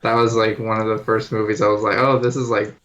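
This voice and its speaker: A man's voice: fairly low pitch, little pitch movement, quick pace, a bit bright, highs cut off, a little hiss or hum. A young man co-hosting a casual podcast chat, easygoing and agreeable, who trails off into fillers. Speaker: podcast co-host.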